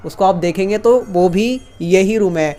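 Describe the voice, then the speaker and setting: A man's voice: high voice, normal speed, dark tone. A man hosting a casual interview, asking questions and talking chattily to his viewers. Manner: chatty, addresses viewers as friends. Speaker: interviewer and channel host.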